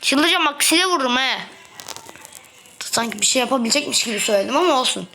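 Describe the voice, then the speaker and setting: Bright high-voiced woman gaming host. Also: quick pace, a little hiss or hum. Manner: excitable, trash-talking, playfully complaining. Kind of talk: casual mobile game commentary. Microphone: phone.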